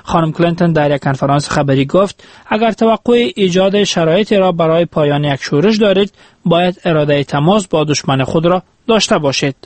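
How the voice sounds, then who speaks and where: High-voiced male newsreader. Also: no echo. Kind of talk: news bulletin reading.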